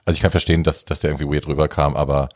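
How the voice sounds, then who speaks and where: A man with a very deep voice asks questions quickly and stays engaged in the conversation. The recording is close and dry. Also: level tone, no echo. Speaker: interviewer. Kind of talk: casual interview chat.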